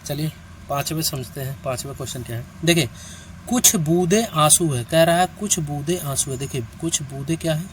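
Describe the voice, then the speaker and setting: A man's voice: fairly high pitch, brisk, a little hiss or hum. A male teacher giving an online reasoning lesson. He counts out each step aloud and keeps checking that the listener follows. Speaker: reasoning teacher for competitive exams.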